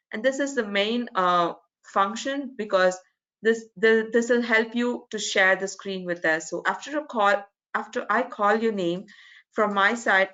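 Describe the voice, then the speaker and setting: Through the dull, lo-fi audio of a screen-recorded video call, a female moderator of an online conference gives polite, step-by-step directions, restarting frequently in a mid-range, slightly bright voice.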